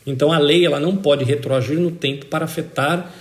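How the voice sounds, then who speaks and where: Being interviewed about citizenship law, this Brazilian-accented expert lectures emphatically, hammering home main points by repeating them. He speaks a little fast in a slightly high, steady tone, captured in an echoey room.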